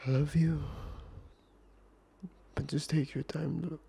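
A man's voice: on the high side, little pitch movement, slow pace, vocal fry, breathy edge, heavily acted. A man playing an irritated young boyfriend in an ASMR role-play, arguing insistently and sometimes dropping to a whisper. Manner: exasperated, insistent, slipping into soft whispers.

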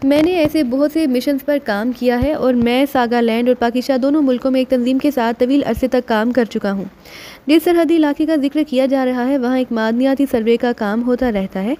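A man's voice: very high-pitched, dark tone. A woman reading as a grave male planner. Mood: serious. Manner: serious, measured.

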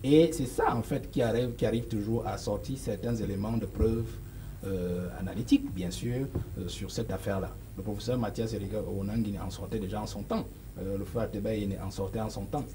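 Speaking briskly in a lowish, mellow voice, a Cameroonian French-accented man in his forties appears as a political guest in a studio interview. He's emphatic and gestures freely, yet pauses and hesitates frequently. A lapel mic in the small sofa-lined studio captures poor audio with slight background noise.

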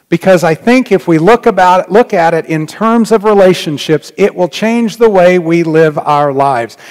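Earnest middle-aged pastor in a reverberant church. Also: male voice, sits high, darkish tone. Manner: earnest, reflective, drops to near-whisper on key points. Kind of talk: sermon. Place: large church sanctuary. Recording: long reverb of a church hall.

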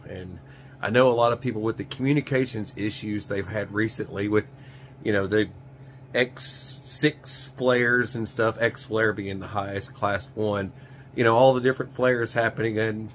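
In a small, cluttered indoor gear workshop, a middle-aged American survival channel host gives a folksy, rambling product review to camera, repeating phrases for emphasis. His voice is fairly low and fairly bright, with clear background noise and hum.

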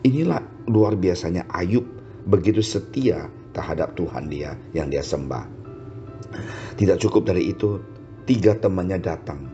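Male pastor, deep low voice, storytelling sermon with "ya" tags, dull lo-fi recording. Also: lively intonation, a little slow, warm tone, soft background music. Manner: storytelling, with frequent tag "ya".

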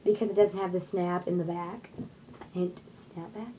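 A woman's voice: on the low side, steady tone, moderate pace, mellow, slight background noise, low-quality recording. Chatty young woman in a bedroom haul video. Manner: chatty, rambling, lots of fillers. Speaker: vlogger showing a shopping haul. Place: small bedroom with posters, indoors. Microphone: webcam on desk at close range.

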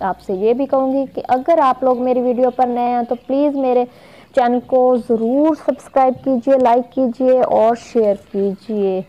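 A woman with a mellow, somewhat high voice narrates a recipe step by step on her cooking vlog, chatty and repetitive, with plenty of fillers. She films the pot with her phone camera in her home kitchen, and the recording quality is low.

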